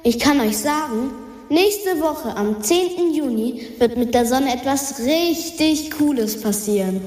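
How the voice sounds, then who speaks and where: A woman's voice: high voice, lively intonation, measured pace, a little mellow. A woman voicing a cheerful, chatty female dwarf planet who talks to earthlings in a children's radio science sketch, with an echoing space effect on her voice. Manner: cheerful, calls listeners earthlings. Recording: reverb-soaked echoey voice effect.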